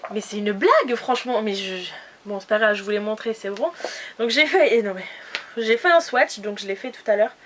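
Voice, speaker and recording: Woman beauty vlogger, casual and rambling, slightly high voice, faint noise on the track. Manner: chatty, rambling, many fillers and restarts. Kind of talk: casual haul video chat.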